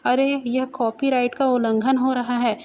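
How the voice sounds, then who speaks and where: A woman voicing a cowardly, wisecracking young man in a spoken story, in her own fairly high voice. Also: flat delivery, a little mellow, a little hiss or hum, lightly acted. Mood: joking. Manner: goofy, quick with silly jokes.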